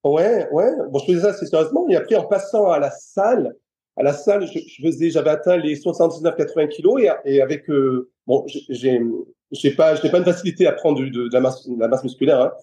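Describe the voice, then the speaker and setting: A middle-aged French personal trainer chats casually in an interview, often stopping to restart his sentences. His dark-toned voice is on the high side and fairly quick, and his manner is hesitant, with many restarts and fillers.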